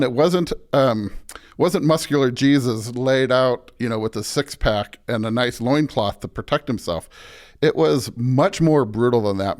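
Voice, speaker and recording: A mid-range male voice belongs to a pastor appearing as a podcast guest. He speaks conversationally but in a preaching style, emphatic and frequently checking in with "right?".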